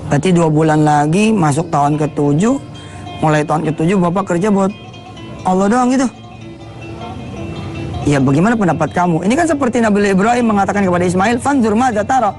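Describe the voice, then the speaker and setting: A man's voice: high-pitched, a little mellow, faint music behind. Indonesian man preaching, chanting verses. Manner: chants Arabic verses slowly, then explains in casual speech. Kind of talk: televised sermon.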